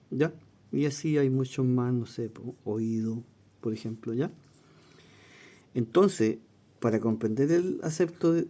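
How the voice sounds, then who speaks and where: A man with a mid-range voice and dark tone teaches an exam-prep lesson, reading questions aloud and explaining them. He often checks in with a quick question.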